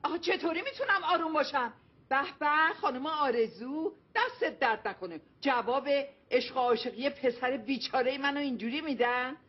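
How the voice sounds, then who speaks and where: An actress playing a middle-aged mother who insists, quickly and with complaint, that her son was wronged, in a TV sitcom. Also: high-pitched, breathy edge, lo-fi sound. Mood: indignant. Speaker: visiting mother. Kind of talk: TV sitcom acting.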